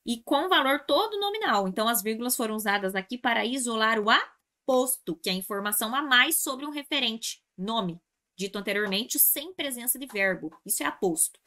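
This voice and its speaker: A woman's voice: a little high, lively intonation, brisk, bright, forceful tone. A Brazilian woman teacher going through an exam review lesson, explaining each point step by step, repeating key terms and calling her students "gente". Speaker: Portuguese language teacher.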